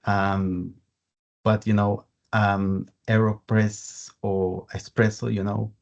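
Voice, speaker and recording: A man's voice: fairly low pitch, flat delivery, takes it slowly, creaky. A man from Costa Rica with a Costa Rican Spanish accent, introducing himself on a webinar panel in an earnest way, repeating words as he restarts. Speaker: sustainability lead at a coffee importer. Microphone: video call. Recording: dull lo-fi video call audio.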